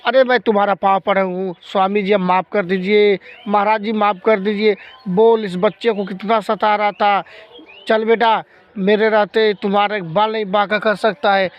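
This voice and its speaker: Picture a stern holy man in a homemade skit, commanding a ghost to back off while he reassures a child as a man plays him. The voice is high and smooth and stays quite level. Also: flat delivery, normal speed, lo-fi sound, close to an everyday voice.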